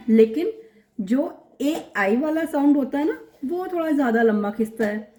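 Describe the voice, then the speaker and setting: A woman's voice: high voice, warm tone, roomy sound. A woman teaching English phonics, patiently working through examples and checking that her students follow. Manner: patient, drawn-out examples, frequent check-ins like "clear?". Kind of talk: phonics lesson in Hindi.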